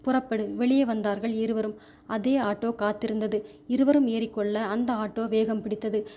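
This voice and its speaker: A woman storyteller reading a family drama in a steady, dramatic narration. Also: on the high side, normal speed, dull audio.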